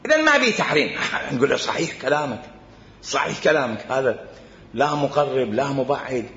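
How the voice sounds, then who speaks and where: A man teaching a jurisprudence lecture as a religious studies teacher speaks with an Iraqi Arabic accent, emphatic and repetitive in making his points. His mid-range voice is brisk, a bit bright, and lively in intonation. The recording is dull and lo-fi, echoing like a roomy hall.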